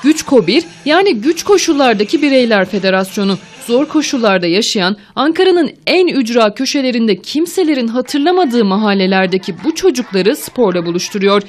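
A woman's voice: on the high side, animated, brisk, hardly any pauses, soft background music. A woman reading scripted narration for a television news feature as the reporter.

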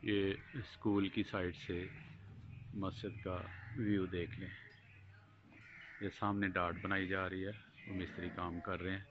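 Very deep, flat-voiced man on a phone vlog. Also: a little slow, background noise. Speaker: vlogger showing building work. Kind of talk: walk-around narration. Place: outdoors at a mosque building site. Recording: dull lo-fi phone audio with loud music. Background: loud background music.

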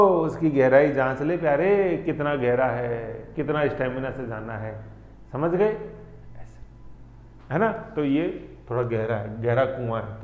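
A man teaching an exam-prep history lesson, playful and teasing as he quizzes his students. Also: fairly high pitch. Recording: echoey room, slightly dull sound.

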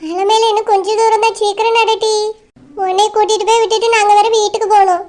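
Woman doing a brisk village girl, shrill high voice, coaxing, urging. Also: level tone, music in the background. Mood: hurrying. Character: bossy young village woman helping a friend elope.

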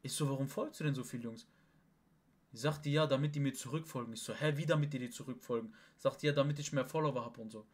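A man's voice: mid-range voice, fast. A young man with speech rambles on in a casual stream chat. He talks in emphatic bursts, swearing oaths and restarting his sentences. His voice sits in a middle range. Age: young adult. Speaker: livestream host. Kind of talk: casual venting to an online chat partner.

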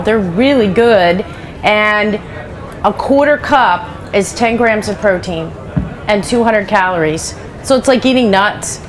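A middle-aged woman chef giving a live cooking demonstration on a trade show stage, talking in a chatty, practical way with lots of asides. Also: medium pitch. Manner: chatty, practical, many "you know" asides. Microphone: headset.

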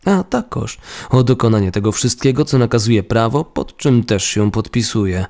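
A man's voice: medium pitch, lively intonation, moderate pace, darkish tone, natural voice. A man voicing the ghost of a young nobleman who has lost his body, speaking in humble, formal petitioning language. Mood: formal pleading.

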